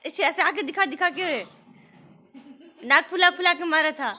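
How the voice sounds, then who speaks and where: Very high, bright, laughing woman. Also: moderate pace. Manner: laughing, exclaiming, teasing, retelling a story. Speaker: family vlogger. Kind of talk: playful chat with a child.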